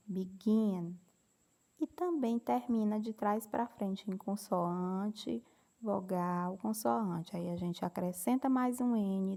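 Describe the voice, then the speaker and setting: Slow, patient woman with a gravelly edge. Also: mid-range voice, warm tone. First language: Portuguese. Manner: slow, patient explaining with repeated examples. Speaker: English teacher. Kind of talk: classroom grammar lesson.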